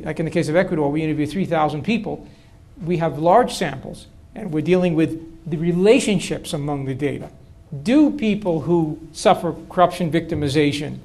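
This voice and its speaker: Gravelly older male professor lecturing. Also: on the high side, darkish tone. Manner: answering audience questions at length, with restarts. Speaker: political science professor. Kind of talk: university lecture Q&A. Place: lecture hall.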